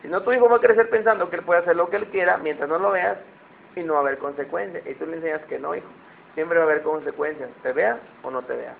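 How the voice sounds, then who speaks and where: A man's voice: fairly high pitch, fast talker, gravelly, slight background noise. A man preaching a conversational sermon, often asking his listeners questions. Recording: tinny phone-like sound.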